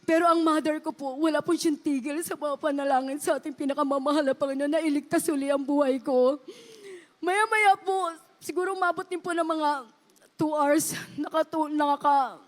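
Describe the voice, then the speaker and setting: A woman's voice: high-pitched, moderate pace. A woman giving an earnest, polite testimony to a church congregation, often addressing them as beloved. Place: church service.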